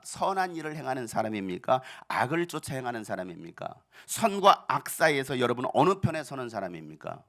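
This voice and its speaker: A middle-aged man preaching a sermon as pastor, emphatic, asking rhetorical questions and swinging between soft and loud passages. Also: medium pitch.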